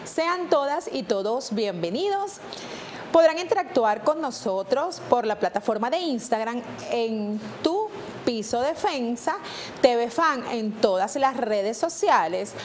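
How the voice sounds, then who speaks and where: A Venezuelan woman who is both a lawyer and a TV host presents a legal program in Venezuelan Spanish, polished, formal, and announcer-like. Her voice is fairly high with lively intonation, and she slows down for numbers. There is slight background noise.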